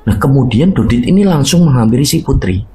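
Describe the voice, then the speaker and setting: A man's voice: mid-range voice, expressive, brisk, warm tone, faint music behind. A man narrating a mountain horror story in a casual spoken storytelling manner.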